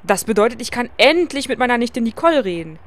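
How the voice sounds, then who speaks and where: A woman voicing a jovial male innkeeper from a rural inn, speaking in a hearty, booming way. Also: big pitch swings, fast, fairly bright tone. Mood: delighted. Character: jovial man, Bohemian innkeeper, warm and hearty.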